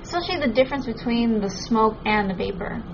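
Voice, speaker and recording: A woman's voice: on the high side, lively intonation, fast, gravelly. A woman co-hosting a casual chat, giving advice in a careful, explanatory way. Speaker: co-host. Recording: muffled lo-fi with background noise.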